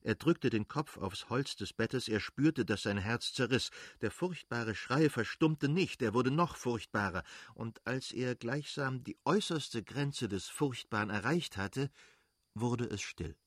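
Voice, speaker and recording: A man reading a literary novel aloud as narrator, measured and dramatic. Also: medium pitch, lively intonation, no room sound, clean studio sound. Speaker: audiobook narrator.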